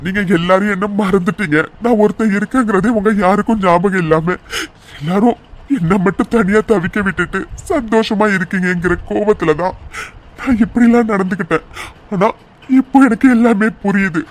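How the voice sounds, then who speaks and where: A remorseful cartoon young man, once bitter and alone, now earnestly apologetic, as a man voices him. His voice sits high for a man. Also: moderate pace, close to an everyday voice. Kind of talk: cartoon voice acting.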